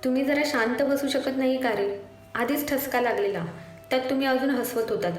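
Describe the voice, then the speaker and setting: A woman's voice: high-pitched, normal speed, lightly acted. Woman voicing a cheerful shy young wife. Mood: playful. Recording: roomy echo with faint music behind.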